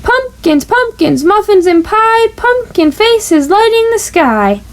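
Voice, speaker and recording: A woman voicing an excitable young boy frog in a storybook, exclaiming and breaking into singsong chants. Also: very high-pitched, slow pace, pitched above the performer's own voice, full character voice.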